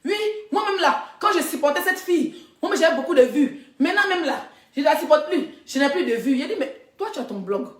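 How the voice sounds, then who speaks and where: A woman blogger in a live social media rant, loud and mocking, often laughing as she talks. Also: high-pitched, expressive, brisk, few pauses, echoey room. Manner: mocking, loud, laughing through her talk. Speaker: blogger and influencer.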